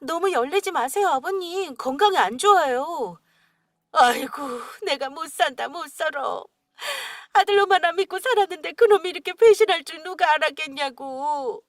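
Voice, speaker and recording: A woman's voice: sits high, unhurried, a bit bright, no echo, clean studio sound. A woman voicing a fretful middle-aged mother-in-law who wails and fusses, in a dramatized radio story. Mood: wailing. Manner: wailing, fussing.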